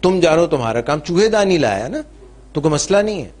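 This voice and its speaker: A man's voice: fairly high pitch, big pitch swings, darkish tone. A man voicing an indifferent male pigeon who brushes off another animal's worries. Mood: dismissive. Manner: offhand, brushing off.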